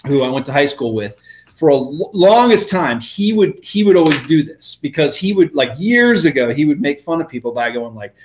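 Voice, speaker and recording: Man, podcast co-host, rambling, profane, casual banter, slightly high voice. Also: sing-song, moderate pace. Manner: rambling storyteller, swears freely.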